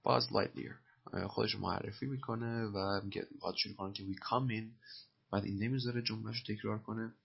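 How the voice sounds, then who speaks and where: With a lowish, fairly even voice touched by vocal fry, a man teaches English through film dialogue, patiently repeating phrases and spelling words letter by letter. The recording sounds dull and lo-fi.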